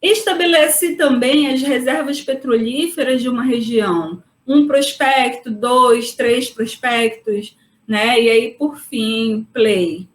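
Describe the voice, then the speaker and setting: A woman's voice: on the high side, takes it slowly, roomy sound. A woman geologist giving a webinar lecture, explaining step by step and checking in with tag questions. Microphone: video call.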